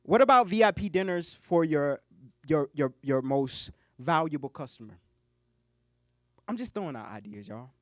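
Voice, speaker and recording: Business coach guy doing a keynote, joking with the crowd, kinda high voice, dry sound. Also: moderate pace, no echo. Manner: animated, joking, talks straight to the audience. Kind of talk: live motivational keynote talk. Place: conference luncheon hall.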